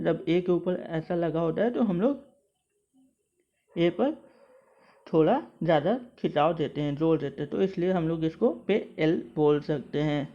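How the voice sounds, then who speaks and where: A male school English teacher explaining a textbook lesson word by word, methodical and repetitive. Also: on the high side. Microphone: mobile phone. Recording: dull lo-fi phone recording.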